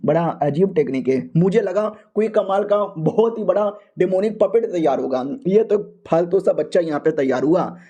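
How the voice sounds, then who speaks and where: High-voiced, chatty male story narrator. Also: animated, moderate pace, few pauses, mellow. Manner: chatty, slangy, comic asides. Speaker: manhua recap narrator. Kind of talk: casual slangy story recap.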